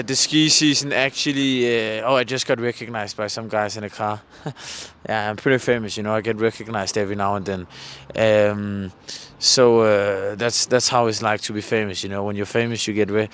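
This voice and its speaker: A vlogger with a clear, resonant, medium-pitched voice and fairly bright tone chats casually by a road in a mountain valley, rambling a bit hesitantly as he questions passers-by. The roadside recording is windy and noisy.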